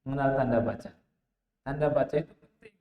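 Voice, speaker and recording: A man from Indonesia giving an Arabic grammar lesson, talking slowly and conversationally and often asking his listeners rhetorical questions. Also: mid-range voice, steady tone, muffled recording. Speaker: Islamic teacher. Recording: echoey hall.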